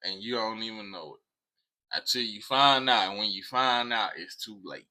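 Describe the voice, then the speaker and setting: A man's voice: lowish voice, moderate pace, pushed and bright. An American man talking casually to viewers in an emphatic way, repeating phrases and swearing freely. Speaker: vlog host.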